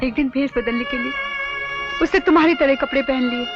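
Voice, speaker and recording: A woman's voice: high-pitched, a little fast, highs cut off, natural voice. An actress playing an earnest young woman who pleads on behalf of her mother, in an old Hindi film with music underneath. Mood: pleading.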